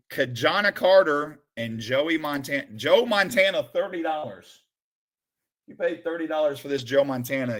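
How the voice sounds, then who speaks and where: A man streaming live as he sorts through a collection, calling out names with bursts of excitement and then dropping into quiet muttered asides. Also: medium pitch. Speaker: sports card streamer opening a collection. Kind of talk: live-stream commentary while sorting cards.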